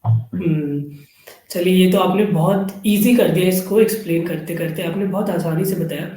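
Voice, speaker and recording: A man's voice: high-pitched, normal speed, dark tone. A man hosting a podcast interview, affirming his guest and summing up his points. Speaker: podcast host. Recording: very roomy echo.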